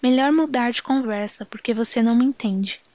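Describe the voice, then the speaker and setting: A man's voice: extremely high pitch, brisk, a little mellow, dry recording, lo-fi sound. A woman voicing an impatient, boastful young man in an audiobook, talking dismissively. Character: boastful young male northeastern metalworker, impatient.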